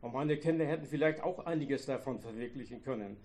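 A man voicing a retired old farmer who complains loudly and sarcastically about his grown children. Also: medium pitch, fairly quick, natural voice. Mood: bitter. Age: older. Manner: loud, reproachful, sarcastic.

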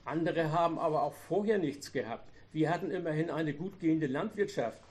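A man's voice: fairly high pitch, fairly quick, voice pushed up, natural voice. A man reading as a bitter old farmer. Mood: reproachful. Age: older. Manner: loud, reproachful, sarcastic.

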